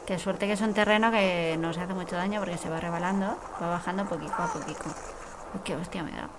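A woman's voice: lowish voice, steady tone, fast, very noisy. A woman chatting through a film as she watches it, exclamatory, with whispered asides. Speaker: film reaction commentator. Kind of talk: casual commentary while watching a film.

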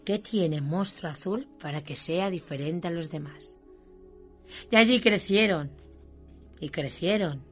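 A woman storyteller reading children's stories aloud in an expressive way and speaking directly to her listeners. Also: fairly low pitch, unhurried, pauses often, faint music behind.

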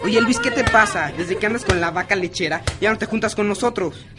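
Man playing a mocking teenage bully, high voice. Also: fairly quick, over loud music, a loud crowd, lightly acted. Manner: mocking, taunting. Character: teenage schoolboy bully Lorenzo. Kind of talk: educational radio drama.

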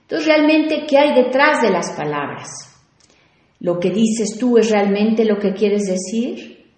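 A woman's voice: medium pitch, lively intonation, slow, a little mellow, very echoey. A woman hosting a radio talk show on personal growth, speaking reflectively and asking her listeners questions.

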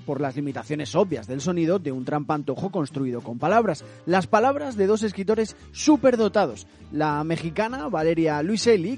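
Higher-voiced man narrating a podcast intro. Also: a little mellow. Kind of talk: scripted narration.

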